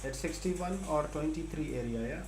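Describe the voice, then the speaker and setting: Man with a higher-pitched voice. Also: normal speed, over music, poor audio. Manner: repeats himself, often addresses viewers as guys. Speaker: live stream host and trading analyst. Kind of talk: live market commentary, talking to chat.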